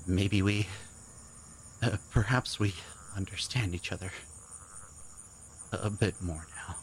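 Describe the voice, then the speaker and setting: An actor playing an earnest, apologetic man in love in an audio drama, halting and stammering tenderly. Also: deep voice, a little hiss or hum.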